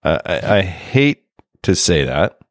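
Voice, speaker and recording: Male golf podcast co-host, deep voice, dry close sound, laid-back and chatty. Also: slow, no room sound. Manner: relaxed, chatty storytelling. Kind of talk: casual golf podcast chat.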